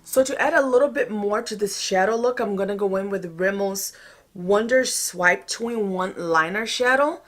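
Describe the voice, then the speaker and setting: A woman with a medium-pitched voice presents a makeup tutorial in a casual vlog style. She is chatty and informal, often thinking out loud as she explains each step. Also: moderate pace. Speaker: makeup vlogger.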